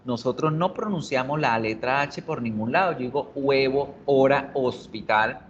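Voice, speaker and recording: A man's voice: mid-range voice, normal speed, muffled recording, slight background noise. A male English teacher explaining in a video lesson, patiently repeating words to drill pronunciation.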